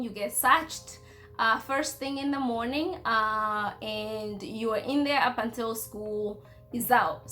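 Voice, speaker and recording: High-voiced young woman telling stories casually. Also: a bit bright. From Congo, schooled in Kenya. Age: young adult. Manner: conversational, informal, playful asides. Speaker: vlogger sharing personal experiences. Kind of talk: casual storytelling chat.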